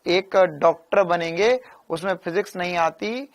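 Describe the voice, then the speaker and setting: A slow, whiny student who brushes off physics, as a man mocks him in a drawn-out voice. The drawl is slightly lower than his usual lecture voice. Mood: mocking. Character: lazy male student who dismisses physics.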